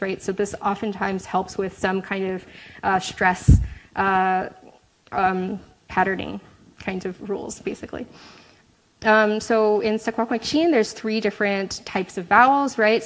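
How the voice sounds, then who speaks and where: Woman presenter, mid-pitched, explains research informally with lots of "um" and "right?", a few self-deprecating laughs. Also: poor audio. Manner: chatty, frequent "um" and tag "right?". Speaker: graduate student presenter. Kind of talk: academic presentation.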